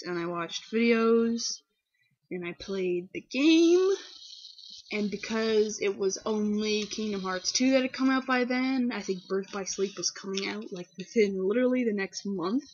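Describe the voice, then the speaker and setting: A woman's voice: medium pitch, slight background noise. A young woman answering viewer questions in a candid, rambling, casual chat and telling stories. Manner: candid, rambling, animated storytelling. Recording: dull lo-fi webcam audio.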